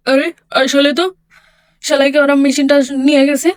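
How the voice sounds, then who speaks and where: A woman voicing a tired, reassuring poor village father, speaking calmly in a doll story drama. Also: high voice, normal speed, no room sound, close to an everyday voice. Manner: calm, comforting.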